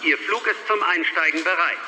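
A man's voice: a little high, moderate pace, background noise. A man making a formal, urgent airport announcement over a PA system.

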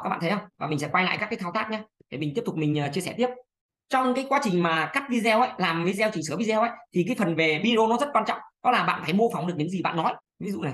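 A woman giving a chatty screen-recorded software tutorial, pointing things out with lots of fillers. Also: medium pitch. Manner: chatty, fillers, many "đây này" pointers. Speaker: video editing tutor.

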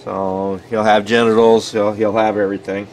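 The recording is poor, with slight background noise, as a man with a lowish, slightly mellow voice talks flatly at a moderate pace. He's a taxidermist showing an outdoor job on camera, on concrete by a building, speaking plainly and thinking out loud with heaps of fillers.

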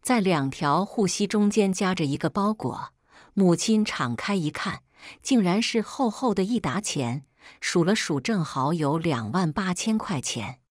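A woman calmly narrating a family story in the first person, as a read-aloud storyteller. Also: lowish voice, a little slow, dry recording, studio quality.

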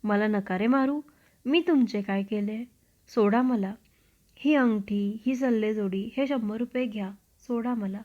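A woman's voice: high voice, animated, darkish tone. A woman voicing a fearless, headstrong man. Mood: pleading. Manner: brisk, dismissive. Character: bold, fearless grown man dismissing danger. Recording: dull lo-fi recording.

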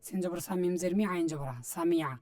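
A man's voice: high-pitched, fairly even intonation, fast, darkish tone. A man teaching Quran reading, patiently spelling out Arabic letters and vowel marks, with a Bangladeshi Bengali accent. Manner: patient, repetitive, addresses viewers directly. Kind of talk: spelling drill lesson, letter by letter.

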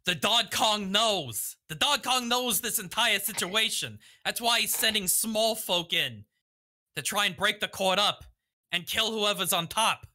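A man's voice: high-pitched, unhurried, pushed and bright. A man playing a tabletop role-playing game, arguing in character in an earnest, defiant manner. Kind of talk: impassioned in-character argument.

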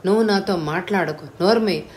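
Woman reader doing a bald, bullying older tycoon, loud and scolding, audiobook figure. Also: on the low side, normal speed, slight background noise, natural voice. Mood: furious. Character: hot-tempered heavyset bald older rich man.

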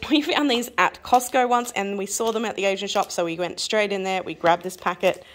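Australian woman, 30s, casual family vlogger, chatty and rambling, talks fast, light background noise. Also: mid-range voice. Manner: chatty, rambling, quick with little laughs. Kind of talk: casual grocery haul vlog.

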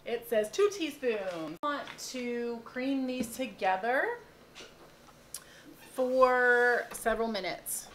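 A woman's voice: a little high, slow pace, fairly bright tone, slight background noise, rough recording. Chatty woman baking in a home kitchen. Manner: chatty, giggly, rambling asides. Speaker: home cooking host. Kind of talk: casual cooking demonstration.

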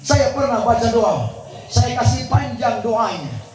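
A man's voice: extremely high pitch, a little slow, soft background music. A man with a Gorontalo accent preaching a humorous sermon to an audience, joking and breaking into chanted Quran recitation. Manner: jokey, animated, chanting recitation in between. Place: large tent venue with audience. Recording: echoey, distant crowd recording.

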